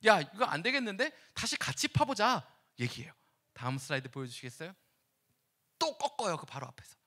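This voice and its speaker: A man who is a pastor, giving a lively sermon with acted-out quotes and laughs in a church. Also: on the high side. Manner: animated, acts out dialogue, laughs with the congregation. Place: church sanctuary.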